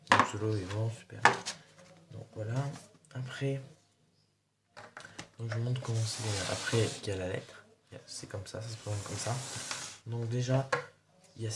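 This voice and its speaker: A man's voice: on the low side, fairly even intonation, moderate pace, pauses often. A man chatting casually in a haul video, showing his purchases with a rambling, hesitant delivery full of fillers. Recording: noisy home recording.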